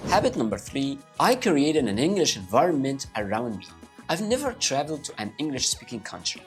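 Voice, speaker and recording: With faint music behind him, a medium-pitched man speaks briskly to camera. A native Arabic speaker from Egypt with an Egyptian Arabic accent, he offers viewers lively, motivating tips for learning English and addresses them directly.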